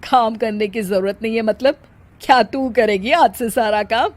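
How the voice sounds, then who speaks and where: Woman voicing a grumbling elderly mother-in-law, fairly high. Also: normal speed, no room sound, natural voice. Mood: surprised, sardonic. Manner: grumbling, sardonic. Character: weary, nagging elderly mother-in-law with soft heart. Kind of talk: cartoon story dialogue.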